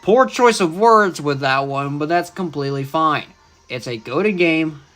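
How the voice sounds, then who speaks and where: A young man with a slightly raised pitch gives live gameplay commentary. He chats in an easy, opinionated way while he plays, and faint game music sits under his voice. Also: expressive, a little slow, a bit bright. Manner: casual, opinionated, chatting while playing. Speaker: livestreamer.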